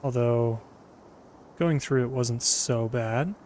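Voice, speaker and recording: A man hosting a sleep channel, talking through a relaxing game in a deliberately flat monotone with dry asides. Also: mid-range voice, slight background noise. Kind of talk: quiet game commentary with storytelling. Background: game music.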